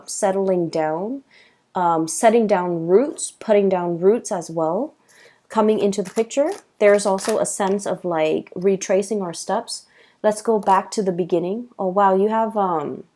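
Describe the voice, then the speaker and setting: A woman giving a tarot reading late at night, tired and halting, with many fillers and restarts. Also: mid-range voice, warm tone. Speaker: tarot reader.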